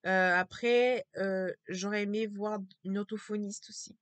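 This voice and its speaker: A woman talking to camera in a casual vlog with a low, strained voice, hesitant and repetitive, full of fillers and restarts. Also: fairly even intonation, a little slow, no room sound. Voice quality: low, gravelly voice.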